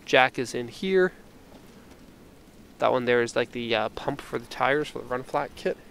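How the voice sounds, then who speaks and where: A middle-aged man giving a casual, unscripted car walkaround, relaxed and thinking aloud, recorded on a handheld camera. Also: medium pitch, a little slow. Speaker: car exporter presenting a vehicle. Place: outdoors by a parked car and inside it. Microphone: handheld camera microphone. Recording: outdoor handheld camera, clear ambient noise.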